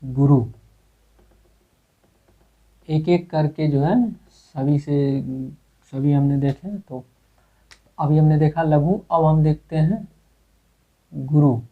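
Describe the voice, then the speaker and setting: A man's voice: fairly high pitch, fairly even intonation, slow, long pauses. A male teacher giving a grammar lesson, asking questions and answering them himself with many repetitions. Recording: tinny phone-like recording.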